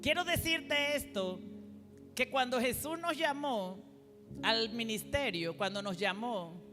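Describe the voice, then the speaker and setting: A woman's voice: on the high side, slow. A woman preacher giving a call-and-response sermon, leading the congregation to repeat her phrases. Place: church hall. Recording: reverberant hall with faint music.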